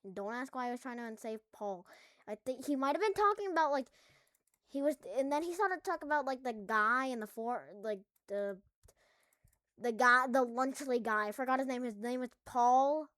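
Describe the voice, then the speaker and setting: A woman's voice: sits high, animated, moderate pace, a bit bright, dry recording. A woman at home making a casual coding tutorial, rambling through jokey asides as she works. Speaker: tutorial maker.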